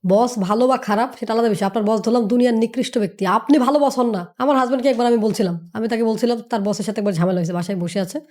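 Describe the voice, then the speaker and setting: A woman's voice: on the high side, very fast, hardly any pauses, a little mellow. A woman giving motivational business advice on a podcast. She lectures emphatically, repeating points and firing rhetorical questions. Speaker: business mentor.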